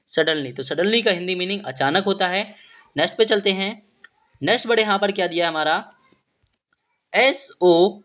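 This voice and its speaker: A man giving a spoken vocabulary lesson, spelling each English word letter by letter and repeating its meaning in Hindi with a steady "okay". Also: a little high. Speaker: English teacher.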